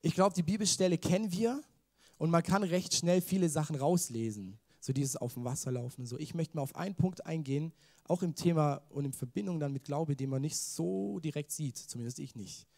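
A man's voice: fairly high pitch, a little fast, creaky, a little mellow. A man gives a casual, chatty sermon in a slightly raised voice. He keeps turning to his listeners with questions and drops English slang into his talk. His delivery is loose and conversational. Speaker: preacher. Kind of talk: informal youth sermon.

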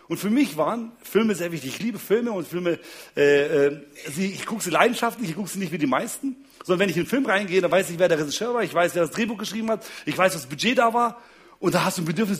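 Guy with a pretty high voice doing a funny relationship talk, keeps asking the crowd if they know what he means. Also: animated, fast. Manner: keeps checking in with listeners, chuckles often; family man telling anecdotes about wife and kids. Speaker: speaker on marriage and relationships. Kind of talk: humorous storytelling talk to an audience.

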